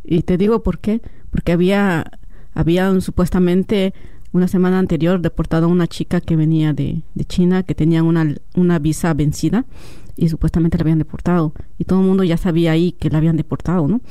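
Woman guest, storytelling, acts out voices, mellow tone, dry close sound. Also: on the low side, fast, no room sound. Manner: animated storyteller, acts out dialogue. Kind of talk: telling a personal story in an interview.

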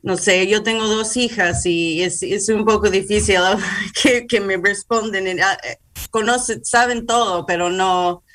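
Answering as an interview guest, this hospital PR manager from New York, United States, speaks slowly and hesitantly in Spanish, hunting for words and falling back on English ones. She is bilingual, with a medium-pitched, slightly bright voice.

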